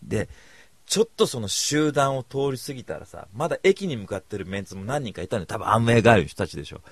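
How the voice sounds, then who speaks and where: A man hosting a talk show, telling a rambling casual anecdote in close studio sound, swinging from mumbled asides to loud bursts. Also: mid-range voice, lively intonation, fast, husky, dry recording.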